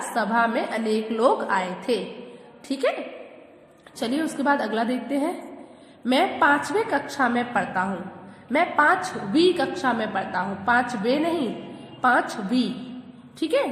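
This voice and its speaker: Echoey woman teacher with a higher voice. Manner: patient, asks questions and answers them herself. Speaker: school teacher. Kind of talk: grammar lesson for children. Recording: echoey room with long reverb.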